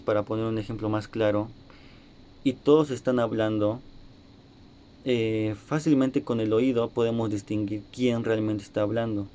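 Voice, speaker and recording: A man's voice: mid-range voice, mellow, a little hiss or hum. A young man giving a class presentation, explaining points and acting out short examples. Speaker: student presenter.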